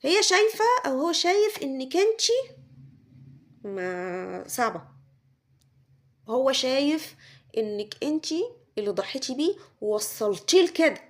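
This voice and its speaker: Egyptian lady doing a tarot reading, bit high voice, keeps repeating herself, talks right at you. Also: very animated, a little slow, pauses often. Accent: Egyptian Arabic. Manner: repetitive, speaks straight to the listener, acts out quoted lines. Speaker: tarot reader. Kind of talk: tarot reading monologue to the viewer.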